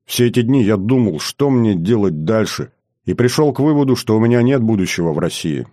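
A man's voice: lowish voice, lively intonation, fairly quick, mellow, no echo, clean studio sound, lightly acted. A man voicing a bold, bitter young officer in an audiobook, speaking bluntly and earnestly. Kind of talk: audiobook character reading.

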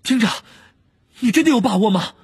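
A man's voice: very high-pitched, expressive, fairly quick, vocal fry, darkish tone, breathy edge, dry recording, studio quality, voice pushed up, exaggerated voice. A man voicing an anxious teenage boy wizard, gasping and desperate.

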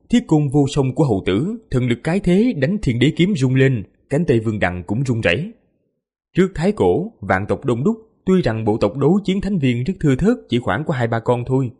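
A male audiobook narrator telling a fantasy battle epic with vivid, emphatic delivery. His voice is husky and slightly breathy, and his pitch swings widely to drive the action. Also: a little mellow. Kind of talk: dramatic fantasy novel narration.

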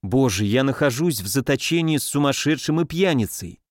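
A man's voice: mid-range voice, lively intonation, a little fast, dry recording, studio quality, lightly acted. A man voicing a timid, frightened housekeeper woman who pleads for help. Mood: pleading.

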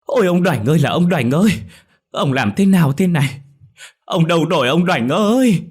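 Man playing wailing old village woman, high strained pitch, loud, husky. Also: animated, moderate pace. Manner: wailing, crying out.

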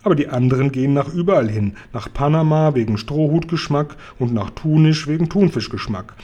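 A good-natured storybook giant who trips over his own words, played by a man with a dark, mellow, slightly husky voice that he lifts a little higher and louder than his reading voice. He speaks in a homely, folksy way. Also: animated, a little fast, dull audio. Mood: earnest. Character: kind big friendly male giant.

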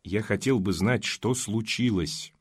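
A man voicing a bewildered, injured young man in an audiobook, asking slow, low, deliberate questions. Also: husky. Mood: insistent. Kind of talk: audiobook character voice.

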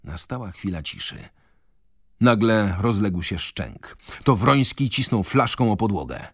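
Male radio reader of literary prose, low-pitched, dry close studio mic, measured dramatic delivery. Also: animated, no room sound.

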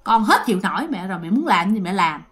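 A woman's voice: medium pitch, big pitch swings, quick pace, a bit bright. Woman doing a fed-up Southern daughter. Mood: exasperated. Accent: Southern Vietnamese. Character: fed-up adult daughter pleading firmly.

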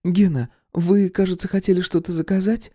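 A man's voice: steady tone, normal speed, mellow, no room sound, clean studio sound. Man doing a brazen brunette with a chesty voice. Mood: cool. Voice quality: low chesty voice. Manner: blunt, mocking. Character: tall brunette woman, cool and brazen.

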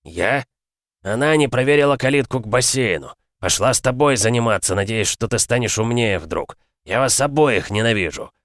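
A vicious, bullying father spitting abuse, his voice pushed loud and raised above the narrator's calm tone, as a man acts him out. The sound is dry and close. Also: fairly low pitch, moderate pace, no room sound, voice pushed up, lightly acted. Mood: raging. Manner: snarling, insulting shouts. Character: cruel, raging middle-aged father.

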